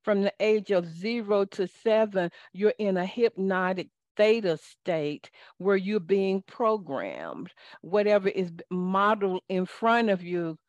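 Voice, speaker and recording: Hosting a live call-in coaching show, a Southern woman life coach delivers folksy, preachy advice at a slow pace. She has a mid-range voice. The sound is dry, dull and lo-fi.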